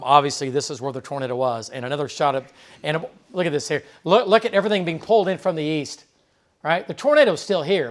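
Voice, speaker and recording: Male TV meteorologist, live storm coverage, slightly higher voice, casual radar talk with fillers. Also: a bit bright. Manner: conversational, talks through radar, frequent "uh" and "okay?". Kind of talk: live severe weather coverage. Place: TV weather studio.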